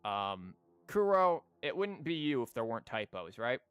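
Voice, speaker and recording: His commentary is very animated as this streamer plays a video game, joking and swearing casually at a normal speed over game music. The mid-range voice is a bit bright, clear and resonant, with no room sound.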